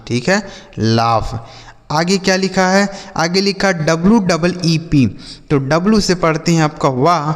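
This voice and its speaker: Man, teacher, children's lesson, patient, repeats questions, slightly high pitch, long reverb. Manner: patient, repeats questions and answers them himself. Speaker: English teacher. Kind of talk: YouTube reading lesson for children.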